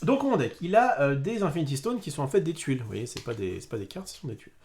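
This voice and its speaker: Lively man explaining game rules. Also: fairly high pitch, fast talker. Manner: hesitant, many fillers while reading card text. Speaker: channel host explaining a board game.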